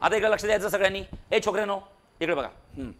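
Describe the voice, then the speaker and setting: A man's voice: high-pitched, very fast, fairly bright tone. A man teaching a physics class in a classroom, quizzing and teasing his students with jokes. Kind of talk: classroom lecture.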